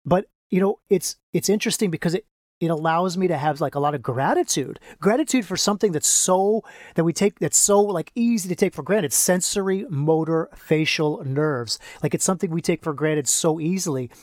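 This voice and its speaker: With one side of his mouth paralyzed, this men's coach hosts his casual solo podcast in slightly slurred speech, his lip consonants soft as though numbed by a dentist. He rambles and repeats himself in a slightly high voice at a moderate pace. The studio-quality recording has no room sound.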